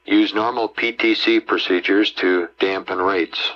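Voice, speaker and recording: American guy doing astronaut radio callouts, really low voice, slow and clipped, muffled old radio link. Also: steady tone. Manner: clipped, measured, reading out figures digit by digit. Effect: space mission radio link. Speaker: mission control capsule communicator. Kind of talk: astronaut radio talk, procedural read-out. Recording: dull lo-fi archival radio transmission.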